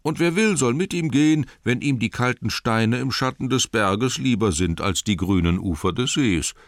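A man voicing a sly, pompous older town mayor who makes loud, ringing speeches in an audiobook reading. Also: medium pitch, moderate pace, no echo, studio quality, voice pushed up, close to an everyday voice. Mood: scornful.

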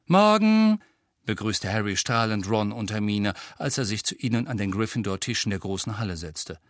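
A man's voice: lowish voice, a little fast, dry recording. Man narrating a fantasy audiobook, dry. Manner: steady storytelling, lively for dialogue. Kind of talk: audiobook reading.

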